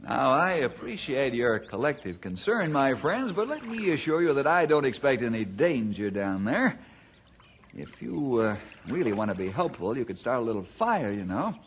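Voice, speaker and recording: A man acting a confident, brave ranger leader in an old-time radio adventure, measured and reassuring as he takes charge. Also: mid-range voice, big pitch swings, a little hiss or hum. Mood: decisive.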